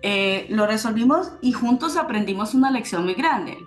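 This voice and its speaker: A woman's voice: on the high side, expressive, normal speed. A woman telling a personal story with emotion and turning it into a spiritual teaching. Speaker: spiritual speaker. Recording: roomy echo with faint music.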